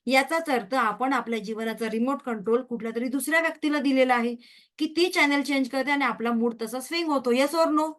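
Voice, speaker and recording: A middle-aged woman leads an online Reiki training class in a fairly high voice. She talks straight to her listeners and keeps checking in with quick rhetorical questions. She slips English words and phrases into her talk. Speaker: Reiki teacher.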